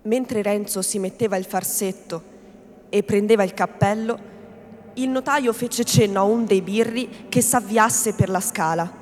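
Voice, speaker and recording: Woman giving a measured theatrical reading. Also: medium pitch. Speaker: actress reading a novel aloud. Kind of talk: theatrical reading of a classic novel. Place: reading event in a hall. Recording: long hall reverb, faint background noise.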